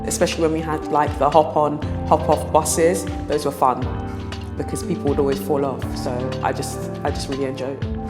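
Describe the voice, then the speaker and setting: A woman tells personal stories in a low voice. The room is echoey, with long reverb. Music is clearly audible behind her. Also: flat delivery, a little fast. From moved to Britain at age five. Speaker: dance fitness instructor. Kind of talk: personal storytelling in documentary interview.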